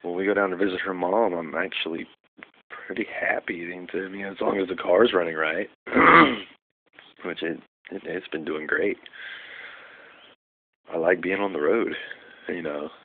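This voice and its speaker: A young man rambling casually in a vlog, full of fillers and losing his train of thought. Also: low voice. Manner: rambling, loses track, many fillers. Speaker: vlogger. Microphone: phone. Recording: tinny phone recording with faint noise.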